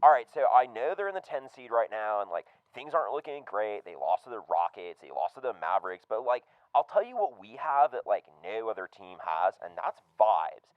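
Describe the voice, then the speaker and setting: A man's voice: lowish voice, sing-song, fairly quick, hardly any pauses, no echo, narrow, tinny audio. A man playing a laid-back rich surfer-bro caller who drawls with lots of "dude" and "like". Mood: hyped bragging. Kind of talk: comedic prank call bit.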